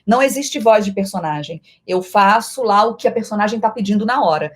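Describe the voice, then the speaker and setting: Brazilian lady voice actress doing a live q&a, middle-aged, playful, voice goes loud and soft, fast and slow. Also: medium pitch, lively intonation. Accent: Brazilian Portuguese. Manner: playful, often shifts loudness and speed. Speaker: voice actress answering viewer questions. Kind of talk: live-stream Q&A chat.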